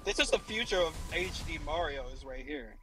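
Male co-host, high voice, blunt jokey tone, crowd noise behind. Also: expressive, a little fast. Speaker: podcast co-host. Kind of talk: casual chat reacting to a trailer.

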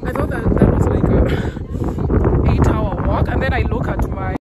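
A young woman with a Kenyan accent and a fairly high voice talks into a phone held at arm's length, mixing English and Swahili. She sounds chatty and casual, recorded outdoors on a mountain trail with wind rumbling across the mic. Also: moderate pace. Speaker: vlogger. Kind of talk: casual hiking vlog. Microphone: phone camera held at arm's length.

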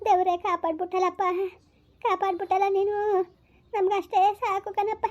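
A woman's voice: very high voice, fairly even intonation, normal speed, a little mellow. A woman playing an old village woman who sighs out fervent blessings. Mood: relieved.

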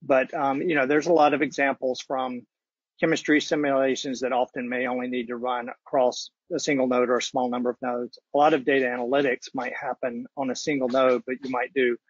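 A man from a supercomputing research facility speaks as a technical panelist in an unscripted discussion. His medium-pitched, husky voice stays level and fairly quick, recorded dry. The online call audio is dull and lo-fi.

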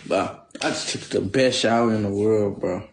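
A man's voice: fairly low pitch, normal speed, echoey room. A man chatting casually on a live stream, laid-back and slangy, with sudden incredulous outbursts.

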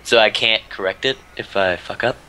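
Bright-voiced young man teasing over voice chat. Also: on the low side, normal speed, slight background noise. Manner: joking, teasing, swears. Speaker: multiplayer gamer. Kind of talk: casual game chat. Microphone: headset with earphones.

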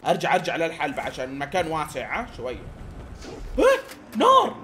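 Excitable high-voiced Saudi gamer man. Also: quick pace, a little hiss or hum. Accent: Saudi Hijazi Arabic. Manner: excitable, talks to viewers, breaks into shouts. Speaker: gaming YouTuber. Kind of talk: live gameplay commentary.

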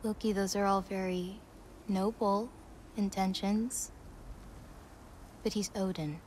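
A woman's voice: medium pitch, fairly even intonation, takes it slowly, darkish tone, slight background noise, close to an everyday voice. A woman playing Angrboda, a playful, caring teenage giantess in a fantasy video game. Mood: tender concern. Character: teasing, caring teenage giantess girl of Norse myth. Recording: game ambience behind the voice.

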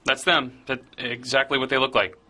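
A man playing a clueless, awkward ad designer with a deadpan delivery. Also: mid-range voice, normal speed. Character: goofy clueless male ad designer.

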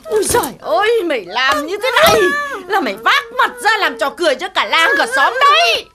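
Shrill mum, wailing and scolding, voice jumps around a lot, loud music under it. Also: female voice, sing-song, fairly quick, background noise. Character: scolding village mother, loud and dramatic. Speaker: mother. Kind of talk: slapstick comedy film acting. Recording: film audio with loud music.

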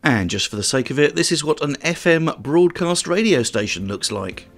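A man's voice: a little high, animated, normal speed, fairly bright tone, soft background music. A man giving a friendly, step-by-step tutorial on amateur radio. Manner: plain, friendly step-by-step explaining, speaking test counts on air. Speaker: amateur radio course instructor. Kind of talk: explanatory tutorial narration.

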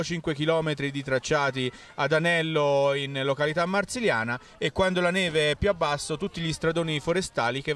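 A man's voice: a little high, fairly bright tone, recorded from a distance. Middle-aged man praising slopes outdoors. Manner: promotional, listing freely. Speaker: interviewee. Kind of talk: outdoor interview. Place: snowy ski slope outdoors.

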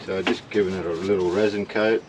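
A man's voice: deep voice, steady tone, a little fast, noisy background. Australian man explaining boat work. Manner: plain, practical explaining while working. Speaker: boat repairer. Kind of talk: hands-on work demonstration. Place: inside a small boat cabin, bent over a floor hatch.

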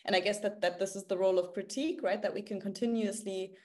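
A woman in her thirties joins an academic panel over a video call. She talks in a thoughtful, hesitant way, full of fillers and restarts as she works through her ideas, at a middling pitch. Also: fairly even intonation, quick pace, darkish tone. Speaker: keynote speaker. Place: home room, indoors.

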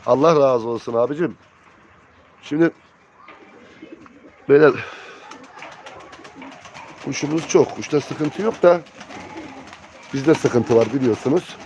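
A man's voice: medium pitch, slow pace, pauses often, darkish tone. A man chatting casually and colloquially as he hosts a live bird auction stream, addressing viewers familiarly. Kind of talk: casual livestream chat, greeting viewers and showing birds. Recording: muffled, noisy, cooing pigeons behind. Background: pigeons cooing, birds.

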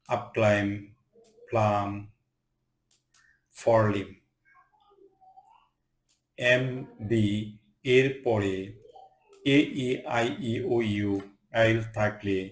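A low-voiced man drills English pronunciation, saying each word slowly and on its own. His tone stays flat and even from word to word. The room around him is echoey. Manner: slow, deliberate word-by-word drilling. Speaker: pronunciation teacher. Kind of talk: reading English word lists.

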